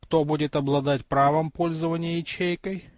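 A man's voice: on the high side, steady tone, normal speed, dry recording, clean studio sound, close to an everyday voice. A man voicing a formal, sardonic male goblin bank clerk in an audiobook, speaking in a polite, businesslike way.

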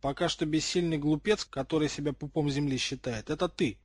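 A man voicing a cocky teenage boy wizard who talks loud and sarcastic, in a dry recording. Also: sits high, sing-song, a little fast, dry recording, pitched above the performer's own voice. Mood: mocking.

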